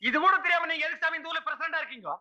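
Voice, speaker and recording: An actor playing a village con man in a film comedy, pleading and shouting. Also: extremely high pitch, racing, muffled recording, heavily acted. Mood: accusing.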